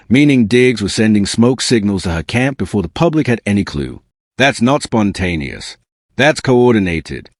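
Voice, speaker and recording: A lowish-voiced man delivers a scripted gossip exposé with very lively pitch swings. He sounds smug and sarcastic, landing slangy, punchy lines. The recording is dry and close, with no room sound. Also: no echo. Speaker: gossip commentary video narrator.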